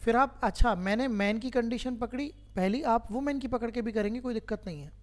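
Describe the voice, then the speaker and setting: A man's voice: extremely high pitch, fairly quick. A man teaching a math lesson to a class, who keeps quizzing his students and patiently repeats each step.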